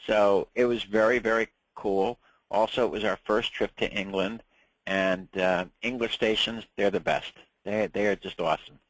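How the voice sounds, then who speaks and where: A man's voice: on the low side, steady tone, normal speed, no room sound, rough recording. Chatty New York man teaching class. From Long Island, New York. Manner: chatty, anecdotal, repeats words when restarting. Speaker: ham radio class instructor. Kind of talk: casual classroom lecture.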